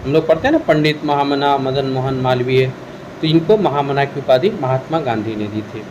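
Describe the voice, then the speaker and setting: Over background noise, a history teacher with an Indian accent runs an exam revision lesson at a moderate pace in a mid-range voice, putting questions to the class and then answering them himself.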